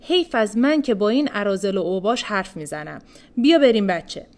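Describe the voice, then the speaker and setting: A woman reading the part of an angry middle-aged mother who scolds and shouts at her relatives. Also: high-pitched, expressive.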